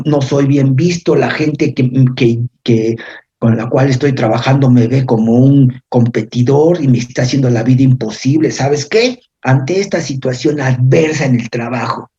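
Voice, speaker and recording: Guy lecturing on physiology, dark husky voice, kinda dull lo-fi recording. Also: medium pitch. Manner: explanatory, checks in with frequent "¿sí?". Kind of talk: university lecture.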